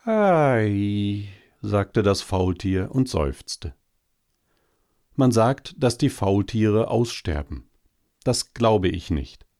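A man reading a children's story aloud as a volunteer audiobook narrator, calm, unhurried and measured. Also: on the low side.

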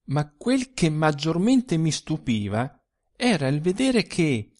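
A man narrating a literary story in a slow, expressive storytelling manner. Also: fairly high pitch.

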